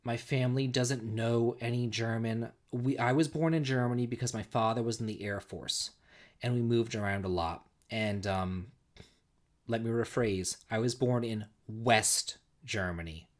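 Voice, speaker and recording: An American man in his forties hosts a casual livestream while a bit tipsy, telling stories, reading chat, and rambling and repeating himself. His voice is medium-pitched and a little slow.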